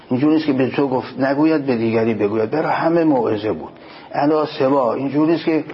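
A man preaching a religious sermon, reciting Arabic passages and explaining them in Persian, rising emphatically on key points. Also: medium pitch. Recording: dull lo-fi recording, faint noise.

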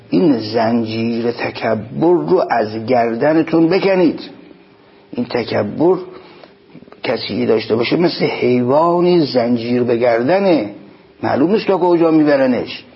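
A man giving a sermon, explaining in plain speech and slowing down to chant quoted lines. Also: medium pitch, expressive, creaky, breathy edge. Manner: slow chanted quotations, emphatic explanations. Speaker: preacher. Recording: dull lo-fi recording.

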